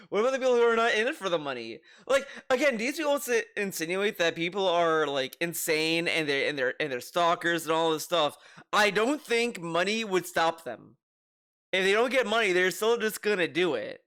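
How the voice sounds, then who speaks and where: A man's voice: high voice, expressive, normal speed, fairly bright tone, clear, resonant tone. A man giving casual commentary as an exasperated, mocking, profane rant. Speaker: online commentator.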